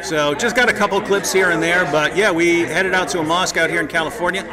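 A man's voice: high-pitched, steady tone, fast talker. A man in his forties hosting a casual livestream from a church hall, reading viewer comments to a webcam held close. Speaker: livestream host. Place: large church hall indoors. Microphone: webcam at arm's length. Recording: crowd chatter behind. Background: chattering crowd.

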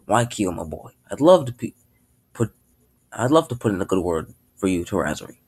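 A man's voice: on the low side, big pitch swings, fairly quick, darkish tone, husky, exaggerated voice. A man doing a grand, cheery carnival clown. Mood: grandly wise. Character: eccentric male circus clown, cheerful showman.

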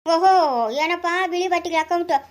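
A woman acting a sharp-tongued village woman in a family skit, scolding and nagging, with a Chikkaballapura Kannada accent. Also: very high-pitched, little pitch movement, quick pace. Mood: refusing.

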